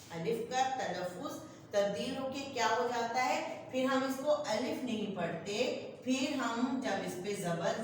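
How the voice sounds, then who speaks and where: A woman's voice: mid-range voice, a little hiss or hum. A woman teacher patiently explaining a lesson to children, often checking they follow along. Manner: patient, repeats "okay child" as she explains. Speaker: school teacher. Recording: echoey classroom from far off.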